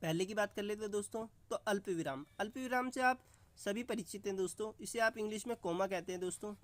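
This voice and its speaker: A man's voice: high-pitched, fast talker, a bit bright. A man teaching an online exam-prep lesson, calling his viewers friends and explaining with examples.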